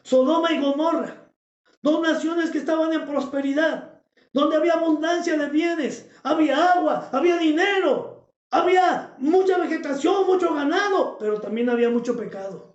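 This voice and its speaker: A male preacher delivers a fervent sermon in a high voice, driving points home with shouts and repeated phrases. The recording is echoey and lo-fi, with a roomy, dull sound. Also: moderate pace. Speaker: pastor.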